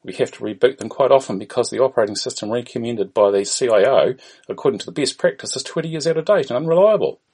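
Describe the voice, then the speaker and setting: A man's voice: medium pitch, animated, quick pace, a little mellow, slightly rough. A man voicing an exasperated, impatient starship captain in a comedy parody, with emphatic delivery.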